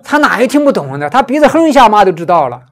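A woman's voice: medium pitch, big pitch swings, quick pace. A woman giving a Buddhist scripture commentary lecture, explaining patiently and posing rhetorical questions she answers herself.

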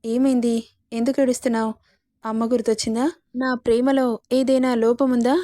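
A teasing, coaxing young male lover, read out by a woman storyteller. The voice sits a little high and sounds mellow and warm, recorded close and dry. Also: flat delivery, moderate pace, dry recording, natural voice. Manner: coaxing, playful.

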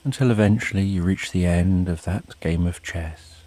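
A man narrating a bedtime sleep story in a calm, soothing, unhurried way with long pauses, as a sleep story narrator. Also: sits low. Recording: soft rain behind the voice. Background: rain.

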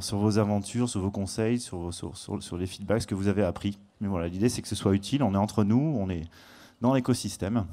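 Guy hosting a panel on stage, kinda low voice, rambly and stumbly. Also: darkish tone. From France. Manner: chatty, hesitant with repeated words. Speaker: panel moderator. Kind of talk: conference stage moderation.

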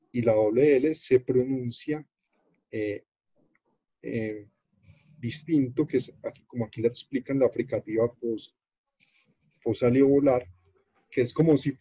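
A man with a Colombian accent leads an online workshop, explaining a web page as he shows it on screen. He talks in a halting, unhurried way, full of fillers and restarts. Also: mid-range voice, warm tone, slightly rough, no room sound. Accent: Colombian Spanish. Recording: dull, dry video-call audio.

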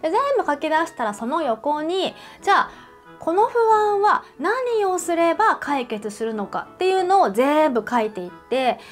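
A woman's voice: sits high, sing-song, normal speed, faint music behind. A woman counselor giving advice straight to the camera, emphatic and direct, asking the viewer questions. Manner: uses everyday examples and questions.

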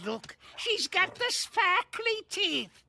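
A woman's voice: very high voice, big pitch swings, slow pace, vocal fry, pushed and bright, full character voice. A woman voicing a feisty, teasing old Irish grandparent in a cartoon, with a leprechaun-like lilt. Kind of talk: animated cartoon voice acting.

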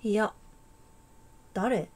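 A woman casually commenting as she plays a game, chatty and quick to react to what is on screen. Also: medium pitch, darkish tone. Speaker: game streamer. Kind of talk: casual let's-play commentary.

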